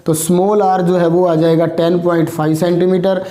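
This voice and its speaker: A man's voice: sits high, little pitch movement, normal speed, warm tone, roomy sound. A male maths teacher working through problems step by step, asking and answering his own questions. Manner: explains with repeated rhetorical questions.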